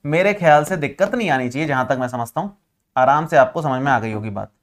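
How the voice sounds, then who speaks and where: A man's voice: medium pitch, fast talker, slight background noise. Chatty, reassuring male math teacher. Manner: chatty, reassuring, teasing students. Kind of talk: classroom math lecture.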